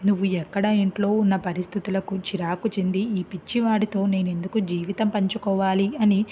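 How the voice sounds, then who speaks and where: Woman doing a soft-spoken young husband, earnest, storybook, sounds tinny like a phone w/ faint hiss. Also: medium pitch, fairly even intonation, moderate pace, natural voice. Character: young husband, gentle, loving, feigning madness.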